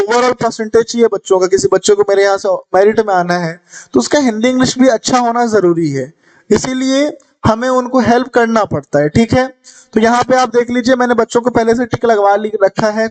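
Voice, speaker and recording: A young male teacher with a Chhattisgarhi Hindi accent runs through exam topics. His voice sits high for a man. He keeps it casual and chatty and talks straight to the students. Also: rough recording. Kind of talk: exam revision lesson.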